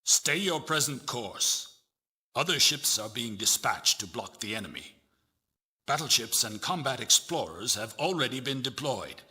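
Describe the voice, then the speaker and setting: A man playing a solemn, authoritative fleet admiral in a video game, giving formal and deliberate briefings. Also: medium pitch, animated, bright, forceful tone, husky, heavily acted. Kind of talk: dramatic video game voice acting.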